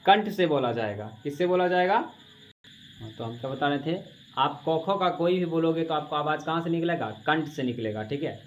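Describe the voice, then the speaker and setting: In a dull, lo-fi classroom recording with faint hiss, a male teacher leads a grammar lesson, calling his students "babu" and drilling them by answering his own questions. His fairly high voice is expressive and moves at a moderate pace.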